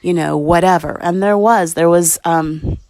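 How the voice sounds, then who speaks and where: A woman hosting a spiritual talk, telling a personal story in a loose, reflective way with many pauses and restarts. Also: lowish voice, fairly even intonation, darkish tone. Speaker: spiritual talk show host. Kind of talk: casual spiritual storytelling monologue.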